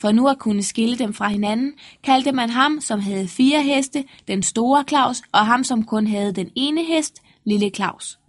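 A woman narrating a fairy tale in a lively storytelling manner. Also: on the high side, few pauses.

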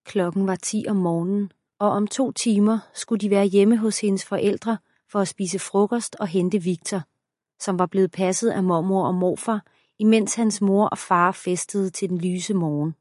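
A woman reading an erotic audiobook as narrator in a steady, even voice. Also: medium pitch, dry recording, clean studio sound. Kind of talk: scripted narration.

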